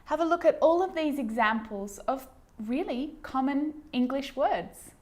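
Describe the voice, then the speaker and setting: A woman teaching English pronunciation who says each example word twice, slowly and clearly. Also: high-pitched, lively intonation, darkish tone. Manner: models words twice, clearly and deliberately. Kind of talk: slow instructional explanation.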